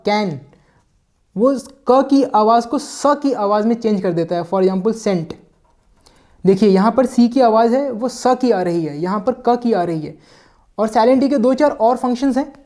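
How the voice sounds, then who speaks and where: Mellow-voiced male teacher explaining patiently. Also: very high-pitched. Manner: explains step by step, often checks in with the listener; mixes English words into his sentences and sometimes corrects himself mid-word. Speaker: English vocabulary teacher. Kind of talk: explanatory classroom lesson.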